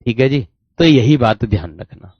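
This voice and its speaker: A man teaching a Hindi grammar class online, repeating key phrases, slowing down to dictate and often checking whether students understood. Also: medium pitch, lively intonation, husky, no room sound. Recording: dry, dull lo-fi sound.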